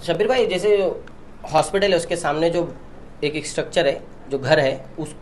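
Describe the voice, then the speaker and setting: A man's voice: fairly high pitch, normal speed. Hesitant male reporter, faint noise. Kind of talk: interview questions.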